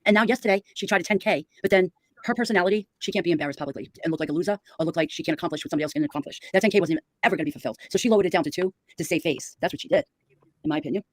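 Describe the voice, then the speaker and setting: A woman's voice: fairly low pitch, very fast, no echo. A middle-aged woman chatting casually and giving opinionated gossip on a livestream.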